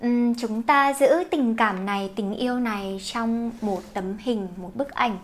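A woman's voice: a little high, unhurried, slight background noise. A young woman teacher who explains a song, translates lines and points out pronunciation, singing parts herself. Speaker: English teacher teaching through songs.

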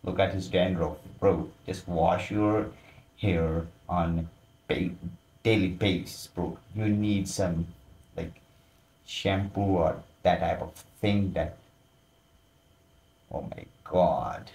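Deep slow-talking man, roomy echo. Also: steady tone, a little mellow. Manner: exclaiming, loose informal phrasing. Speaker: commentator. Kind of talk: casual voice-over commentary.

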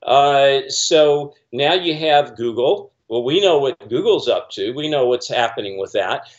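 A middle-aged man speaks as a guest commentator in a casual video-call discussion from a small room at home. His medium-pitched voice is earnest and rambling, full of fillers and restarts, and the call audio is slightly muffled.

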